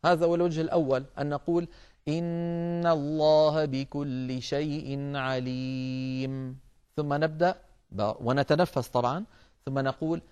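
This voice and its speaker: A man teaching the rules of Quran recitation in a recorded lesson, explaining step by step, addressing listeners as brothers and filling pauses with a drawn-out "aah". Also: on the high side, darkish tone.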